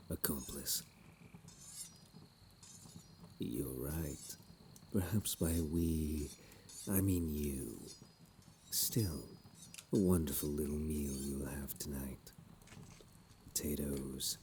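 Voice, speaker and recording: Sinister gentlemanly plague doctor , male actor: extremely low, slow, unhurried delivery, theatrical dark-fantasy audio role-play. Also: a little hiss or hum, heavily acted. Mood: calm, hospitable. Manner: archaic, theatrical wording, doting and menacing.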